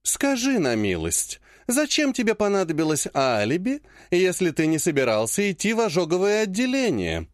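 A man's voice: sits high, wildly swooping pitch, no room sound, studio quality. A man doing a sweetly menacing clan matriarch. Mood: honeyed menace. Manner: honeyed, slow, quietly threatening. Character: sweetly menacing older woman clan head.

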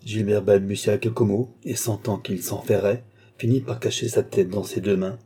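A male audiobook narrator reads a classic novel in a measured storytelling manner. His voice is low and dark-toned, with a husky grain. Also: steady tone.

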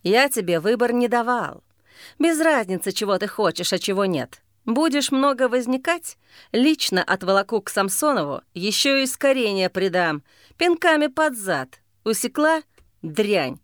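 Female narrator doing a lowered, coarse, menacing drunk brother; dry close read. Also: very animated, normal speed, dry recording. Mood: threatening. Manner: snarling, threatening, crude. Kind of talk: audiobook character voice.

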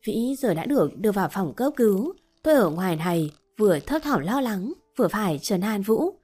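A woman narrating a first-person story in a steady audiobook reading. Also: medium pitch, brisk, slightly rough. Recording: faint background music.

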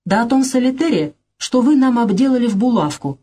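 Woman reading a flustered old father, hesitant and husky. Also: a little high, expressive, brisk, warm tone, voice pushed up.

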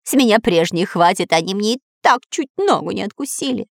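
A woman's voice: medium pitch, expressive, brisk, vocal fry, no room sound, studio quality. Woman playing a stuttering, terrified robber. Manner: stuttering, shrieking. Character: cowardly, terrified male robber.

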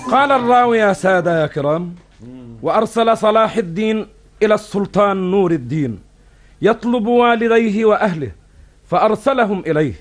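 High-voiced cafe storyteller. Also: male voice, lively intonation, brisk, faint music behind. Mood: declamatory storytelling. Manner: declamatory, formulaic addresses to listeners. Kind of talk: Arabic cafe storyteller narration in formal classical Arabic.

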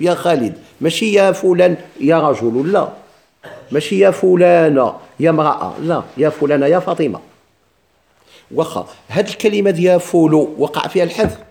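A man's voice: a little high, gravelly, a little mellow. A man with a Moroccan Arabic accent teaching Arabic grammar, asking and answering his own questions and repeating examples. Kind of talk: classroom explanation of a grammar text.

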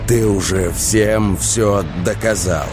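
A man's voice: lowish voice, fairly even intonation, slow pace, over music. A man voicing a tense teenage boy who is a protective older brother, talking firmly and holding back his anger.

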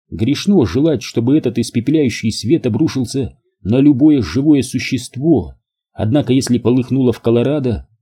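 A male audiobook narrator with a very dark, mellow voice and a husky edge. He reads in an even, measured way at a middle pitch.

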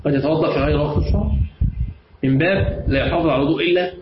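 A man's voice: on the high side, steady tone, racing. A man with an Egyptian accent teaching a class. He explains step by step, repeats key phrases and quizzes his students. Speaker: teacher of Islamic jurisprudence. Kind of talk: classroom lesson with questions to students. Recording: echoey, dull lo-fi room recording with clear noise.

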